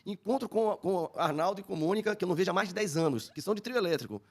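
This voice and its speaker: An older man with a Brazilian accent, a podcast guest giving a personal testimony in animated storytelling, acting out the people he quotes. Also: sits high, racing.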